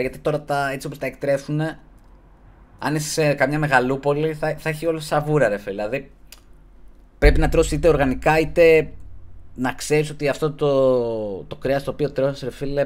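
A man hosting a casual podcast, giving earnest advice in slangy talk and closing his sentences with a low, mumbled "bro". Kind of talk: casual streamed podcast chat.

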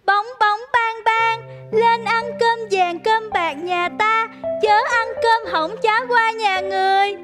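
Brief: a gentle, cooing young woman, very high voice over loud music. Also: moderate pace. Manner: cooing, sing-song. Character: gentle young woman sweet-talking a pet fish. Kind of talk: stage comedy sketch.

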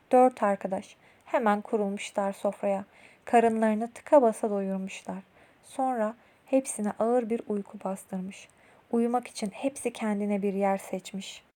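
Gentle woman reading a bedtime story. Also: mid-range voice.

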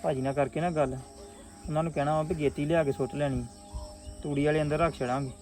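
Man acting mellow, musing Punjabi farmer. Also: on the high side, fairly even intonation, fast, soft background music, natural voice. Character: matter-of-fact village farmer mulling over his crop. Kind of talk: amateur Punjabi family web drama.

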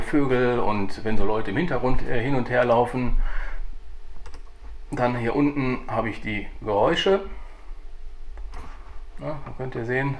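A man around his forties, a vlogger who produces audio dramas, explains his work in a casual, slightly hesitant way. His voice is medium-pitched, and there's a little hiss or hum in the recording.

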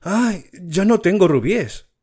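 A man voicing a generous, sorrowful male prince statue in an audiobook reading, speaking gently and solemnly. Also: mid-range voice, a little slow, close to an everyday voice. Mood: sorrowful gentle.

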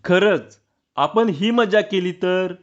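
A man's voice: sits high, slow pace, dull audio, pitched above the performer's own voice. A man voicing a mischievous young male prankster friend in a storybook reading, with a sly, teasing manner.

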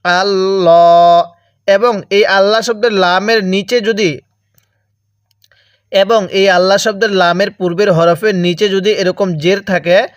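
High-voiced Bangladeshi man teaching recitation. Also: dry recording, clean studio sound. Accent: Bangladeshi Bengali. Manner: explains a rule, then slowly drawls out the Arabic words to demonstrate; asks and answers his own questions. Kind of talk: step-by-step spoken lesson with recited examples.

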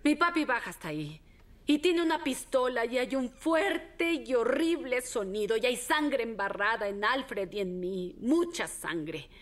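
A woman playing an adult woman from a shelter, recalling her childhood in plain, halting first person. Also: a little high, animated. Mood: solemn.

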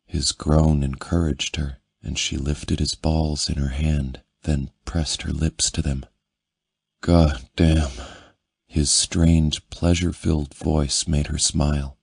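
A man narrating a romance audiobook in a slow, unhurried, intimate read. His voice sits extremely low and has a husky grain. The recording is close and dry. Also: flat delivery, no echo. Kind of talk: scripted narration.

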